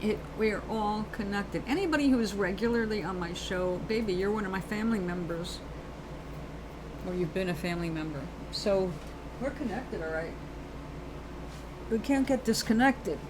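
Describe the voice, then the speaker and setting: This live-show host from New York, New York accent and all, gives viewers a casual, rambling yet earnest talk about spirit, peppered with "baby" and "darling". She speaks at a moderate pace in a mid-range voice, and noise can be heard in the background.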